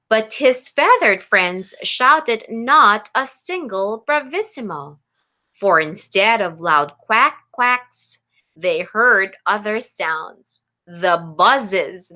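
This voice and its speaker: Reading a story to little kids, a woman who teaches pre-K speaks in a mid-range voice, expressive and instructive, and keeps turning to them with questions.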